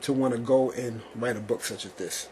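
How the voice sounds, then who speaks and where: In a casual interview, a talk show host with a mid-range voice speaks at normal speed over a little hiss or hum. His questions are long-winded and keep getting rephrased, and he responds with steady okays and yeses.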